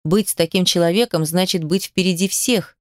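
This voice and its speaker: A woman voicing a middle-aged female ballet company director who speaks in a measured, quietly pressing way. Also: fairly low pitch, no room sound, studio quality, lightly acted. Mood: persuasive.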